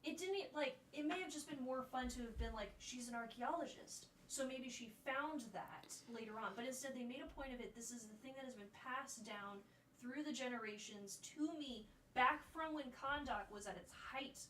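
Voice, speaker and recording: Animated woman in an echoey room. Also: sits high, normal speed, slight background noise. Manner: animated, acts out lines from scenes. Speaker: co-host. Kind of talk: casual movie review chat.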